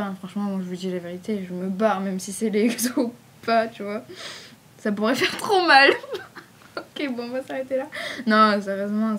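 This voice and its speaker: A woman's voice: mid-range voice, fairly bright tone. A woman with a southern French accent answering fan questions in a casual, rambling vlog, full of fillers. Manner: chatty, rambling, frequent fillers.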